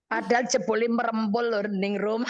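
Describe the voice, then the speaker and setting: A middle-aged woman evangelist with a Javanese accent, telling a personal testimony on a radio counseling show, animated and acting out what she said. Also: fairly high pitch, unhurried, no echo, lo-fi sound. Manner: animated storytelling, acts out her own quoted words. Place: radio studio.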